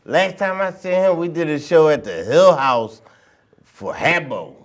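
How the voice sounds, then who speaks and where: A man hosting a casual talk show, speaking in a slow, laid-back way with easy chuckles. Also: on the high side, big pitch swings. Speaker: host.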